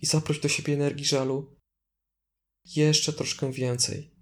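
Leading a guided meditation, this male instructor speaks slowly and calmly, easing listeners along with soft cues. His voice sits on the higher side.

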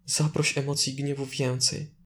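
Male meditation guide, mid-pitched and level, calm, deliberate delivery with gentle instructions.

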